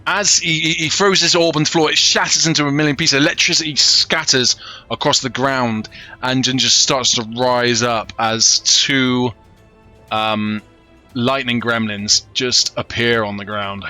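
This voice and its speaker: A man with a bright, forward voice narrates a tabletop game as game master. He is casual and improvises haltingly, with music playing behind him. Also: medium pitch, fairly even intonation.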